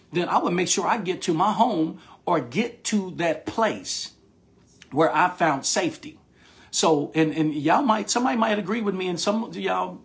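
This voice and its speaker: A male pastor with a scratchy, hoarse voice, giving an earnest prayer and sermon with repeated thanks and frequent restarts. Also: high voice. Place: remote online service, outside the church building.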